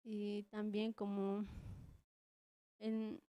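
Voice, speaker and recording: A woman's voice: mid-range voice, monotone, extremely slow, smooth, highs cut off. A young woman volunteer giving a hesitant church testimony, nervous and trembling, filling every phrase with the same little word. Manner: hesitant, repeats "así" constantly, nervous. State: trembling with nerves.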